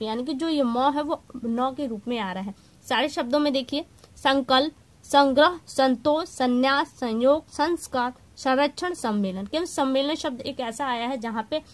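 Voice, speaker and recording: Female teacher, high voice, explanatory online lesson, reads out word lists for students. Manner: explanatory, reads word lists aloud, addresses viewers as friends. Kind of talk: exam-prep grammar lesson.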